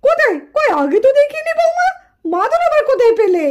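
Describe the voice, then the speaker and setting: A woman voicing a gentle grandmother, puppet cartoon, coaxing, calming. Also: very high voice, quick pace.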